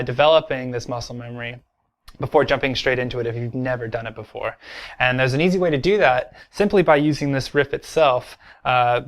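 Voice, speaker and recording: A man's voice: mid-range voice, a bit bright. A man teaching a guitar lesson, explaining step by step in an easygoing way with plenty of fillers. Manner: counts beats aloud while playing. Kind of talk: casual instructional explanation. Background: electric guitar playing.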